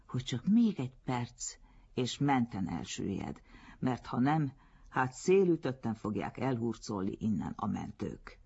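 A man reading a literary story aloud in an expressive storytelling manner, on a dull lo-fi recording. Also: medium pitch, creaky, slightly rough. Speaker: narrator. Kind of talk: literary audiobook narration.

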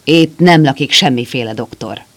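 A man voicing a drunken, surly man who shouts his refusals in a gruff voice. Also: mid-range voice. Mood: angry shouting.

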